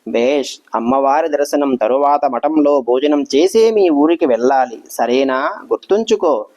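A man's voice: mid-range voice, unhurried, dark tone, natural voice. Man doing a kindly old sage giving instructions. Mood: kindly instructive. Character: kindly old male holy sage, gently commanding. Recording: dull lo-fi recording.

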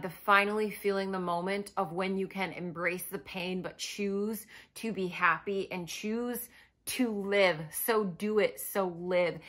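A woman's voice: medium pitch, sharp tone. A woman giving a casual spoken book review, emotional and fired up with enthusiasm.

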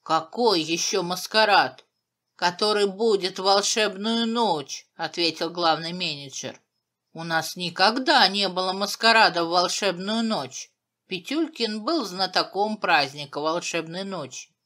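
A woman's voice: lowish voice, measured pace, fairly bright tone. A woman reading a children's detective audiobook aloud, giving the characters slightly different voices. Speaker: audiobook narrator.

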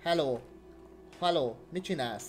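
A man's voice: a little high, expressive. Playful man narrating a video game. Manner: playful, talks to game characters, sudden loud exclamations. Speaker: let's play gamer. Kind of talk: let's play commentary.

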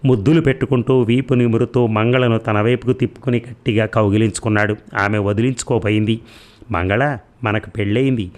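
Calm, low-voiced male story narrator. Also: fast, few pauses. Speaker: audiobook narrator.

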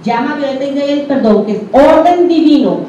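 A woman's voice: sits high, animated, fast, dark tone, very echoey. Venezuelan lady teaching a group, chatty, keeps asking the room stuff, dull far-off mic, faint hiss. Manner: conversational, questions the audience directly.

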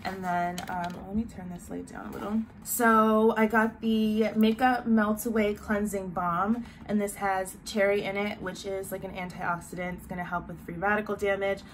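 A woman's voice: medium pitch, steady tone, slight background noise, low-quality recording. Tired, chatty woman vlogging on her phone. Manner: chatty, tired and drowsy, with sighs and drawn-out words. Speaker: beauty vlogger. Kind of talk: casual vlog talk to camera. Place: bedroom at home, indoors. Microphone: phone or camera held close.

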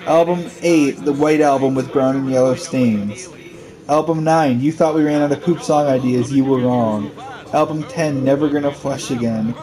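A man's voice: medium pitch, steady tone, normal speed, crowd noise. A young man chatting and joking while playing a video game together with a friend, reeling off silly lists. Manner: goofy, jokey, rattles off silly lists. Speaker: gamer. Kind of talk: casual co-op gaming chat. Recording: noisy home gameplay recording.

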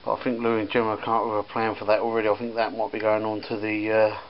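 A lowish male voice, delivered completely flat but fast, chats casually about auction finds while filming outdoors in a garden and workshop, rambling with many ums and restarts. The camera sound is a bit dull, with faint background noise, outdoor ambience and church bells.

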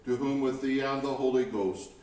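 A man leading a church liturgy as priest, reciting set prayers in a solemn, measured way. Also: medium pitch, fairly even intonation, a little mellow. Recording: echoey room from far off.

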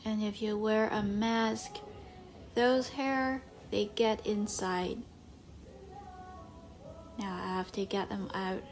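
Her voice is medium-pitched and fairly even, and she speaks slowly with frequent pauses. A young woman from Korea, she vlogs in a chatty, filler-heavy style ("like," "you know"), first in a bright indoor home studio, then in voice-over over loud background music.

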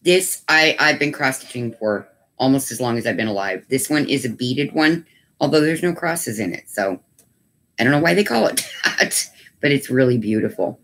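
With a deep bass voice that's a bit bright, a woman runs a craft channel from home, chatting casually with viewers at normal speed. She's animated and doting, cooing baby talk to her dogs.

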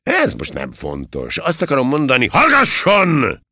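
A man voicing a naive, carefree young army recruit who talks in a chirpy, excitable way. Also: medium pitch, vocal fry, no room sound, studio quality, pitched above the performer's own voice, heavily acted. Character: cheerful naive long-faced male army recruit.

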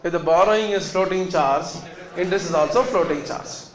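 A man's voice: high voice, a little fast. A man in his thirties with a South Indian accent, teaching a class emphatically, repeating points and putting questions to students. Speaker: accountancy lecturer. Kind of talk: classroom lecture. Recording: echoey classroom with students faintly audible.

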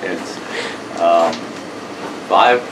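An older man chatting in a sailboat cabin, slow and hesitant with a dry sense of humor. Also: deep voice. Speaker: family guest aboard. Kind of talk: casual chat. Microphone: camera across the cabin. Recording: distant voice, boat hum behind.

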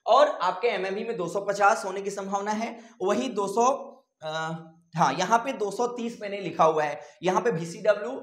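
A male coaching teacher giving assertive, confident admissions advice straight to his students. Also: sits high. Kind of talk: direct-to-camera advice video. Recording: echoey room.

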